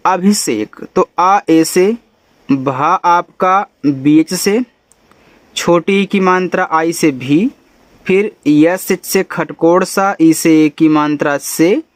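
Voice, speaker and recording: A man's voice: a little high, dry recording. A man teaching spelling, explaining patiently letter by letter. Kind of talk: spelling lesson.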